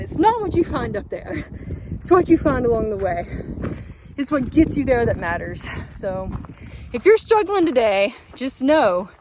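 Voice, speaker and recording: Vlogging her trip from a trail, a young woman hiker offers viewers sincere, cheerful encouragement. Her voice is a little high with a darkish tone, and there's slight background noise.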